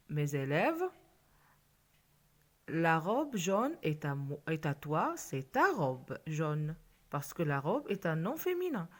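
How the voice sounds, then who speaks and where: A woman teaching a primary school class, patiently explaining grammar with simple example sentences. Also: lowish voice. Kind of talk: classroom video lesson.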